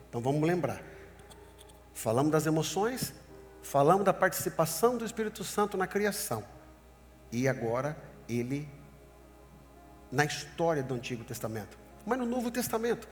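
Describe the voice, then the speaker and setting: Emphatic preacher in a reverberant hall. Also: male voice, a little high. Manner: emphatic, warning, addresses the congregation. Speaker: pastor. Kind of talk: sermon. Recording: long reverb with faint music.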